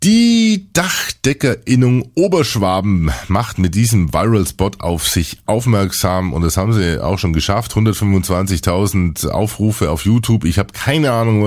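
A man hosting a podcast in a casual, chatty way, his voice a little hoarse and lowered. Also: animated, moderate pace, a little mellow. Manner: chatty, loose, with frequent fillers. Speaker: podcast host.

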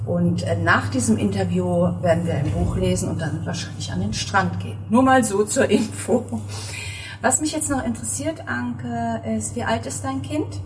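On an outdoor terrace, a middle-aged woman runs a podcast interview in a loose, chatty way, often using fillers and restarting sentences. Her medium-pitched voice keeps a moderate pace and sounds far from the mic in a low-quality recording. Behind her are passing pedestrians and traffic, plus music in the intro.

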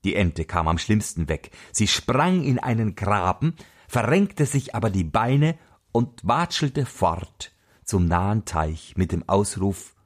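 A man reading a fairy tale aloud in an expressive, unhurried storytelling manner. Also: fairly low pitch. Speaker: narrator.

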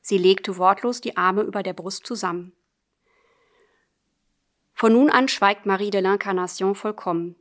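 A woman reads a literary story aloud in the voice of a letter writer. Her delivery is measured and earnest, speaking to a close friend. Her pitch sits in the middle range. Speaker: audiobook reader. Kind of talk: literary audiobook narration, letter form.

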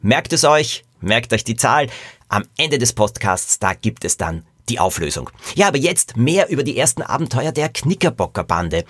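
A man hosting a podcast, reading a children's mystery aloud as a lively storyteller and talking about the books. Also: mid-range voice, dry recording, clean studio sound. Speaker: podcast host and author.

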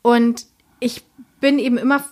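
A woman from Chile with a slightly raised voice talks about her art in a casual interview. She muses aloud, pausing on fillers and tagging her sentences with little questions. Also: on the high side, flat delivery, darkish tone. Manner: reflective, many fillers and trailing "ne?". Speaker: painter, muralist guest.

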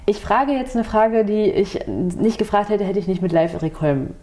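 A woman conducts an interview with a mid-pitched voice. She asks her questions directly and in a conversational way. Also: normal speed, mellow.

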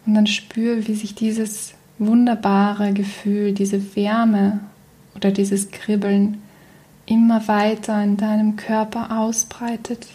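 A woman leading a guided meditation in a soft, breathy, near-whispered voice, calm and soothing with long pauses. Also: medium pitch.

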